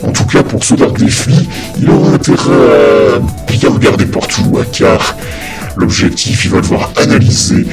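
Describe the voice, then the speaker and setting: A man voicing a dark, mocking villain who hosts a video game challenge, taunting theatrically in a croaky growl. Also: mid-range voice, very animated, normal speed. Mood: sinister, gloating. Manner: taunting, theatrical, hesitant delivery. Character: dark male villain sneering at mortals and mocking his victim. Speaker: challenge host of a gaming video. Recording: loud music behind the voice.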